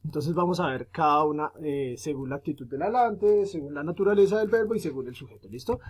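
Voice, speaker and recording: Teacher with frequent tag questions. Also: male voice, sits high, a little mellow, slightly rough. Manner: fillers "eh" and restarts while explaining. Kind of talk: recorded grammar lesson for students.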